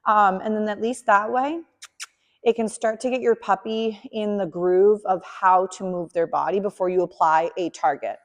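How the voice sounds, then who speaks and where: A woman dog trainer giving a hands-on lesson, explaining calmly and softly praising the dog. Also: mid-range voice, moderate pace, long reverb tail.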